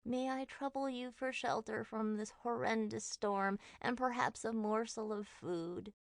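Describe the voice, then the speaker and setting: A woman voicing a small, ugly old male troll with a high-pitched, whiny voice, pleading timidly in an audiobook. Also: steady tone, unhurried, dry recording, studio quality. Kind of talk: audiobook character voice.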